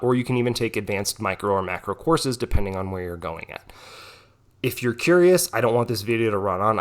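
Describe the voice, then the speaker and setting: A young man tutoring economics sounds a little nasal because he has a cold. His voice sits on the low side with a fairly bright tone, and he explains things casually, often adding "right?"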